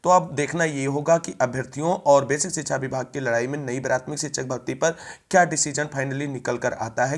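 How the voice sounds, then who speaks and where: A man presents a news update, speaking in formal, long run-on sentences. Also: mid-range voice.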